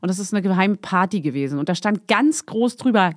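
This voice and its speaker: A young woman co-hosting a casual chat podcast, telling embarrassing stories with lots of laughter and quoting people in high, squeaky voices. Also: fairly quick, dry recording, clean studio sound. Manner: animated storyteller, acts out quotes in high voices, laughs often. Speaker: podcast co-host.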